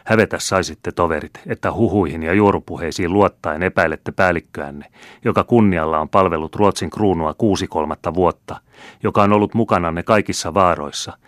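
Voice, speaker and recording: A fiery, proud young count, a beardless youth with a ringing yet slender voice, as an audiobook narrator puts him on. He speaks impassioned and rallying, raised and louder than the narration, in a dry, close sound. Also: low voice, no room sound, natural voice. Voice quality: ringing but still slender voice.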